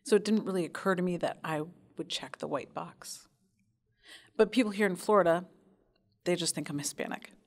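A woman's voice: fairly low pitch, normal speed. Chatty American woman, a panel guest. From United States. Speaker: panel guest, business owner. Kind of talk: casual interview talk.

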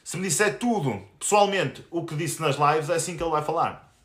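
A man in his twenties with a European Portuguese accent rants angrily and crudely on a live stream as a YouTuber, confrontational throughout. His voice is on the high side, with lively intonation and a fairly quick pace. The recording has a roomy echo.

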